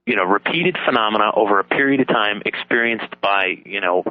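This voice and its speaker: A man being interviewed as a radio guest over the phone, talking casually in a halting, informal way. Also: fairly low pitch, dry recording. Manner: halting, informal, repeats words as he thinks. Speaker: talk show guest, author and lecturer. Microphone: telephone call. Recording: tinny narrow phone line, dry.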